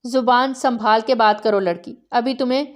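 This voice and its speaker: A woman's voice: a little high, fairly even intonation, lightly acted. Woman reading as a domineering old grandmother. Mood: scolding. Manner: sharp, scolding.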